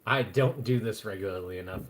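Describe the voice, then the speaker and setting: A man's voice: fairly low pitch, brisk, a little hiss or hum. A man chatting casually to viewers on a live stream at home, rambling along with plenty of fillers and restarts.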